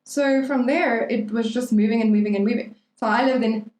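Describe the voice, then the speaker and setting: A woman's voice: a little high, steady tone, fairly quick, a little mellow. A young adult woman co-hosting a podcast, chatting casually in a rambling, playful way with lots of "like". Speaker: podcast co-host. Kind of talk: casual chat. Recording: roomy echo.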